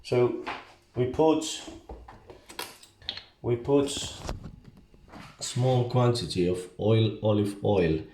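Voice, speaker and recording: A man with a Basque accent and non-native English gives a casual, halting, step-by-step cooking tutorial as an amateur home cook. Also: mid-range voice, expressive, warm tone. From Basque Country. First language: not English. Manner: halting, step-by-step, often checking with "okay?". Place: home kitchen, indoors. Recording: echoey room, background hiss and clicks.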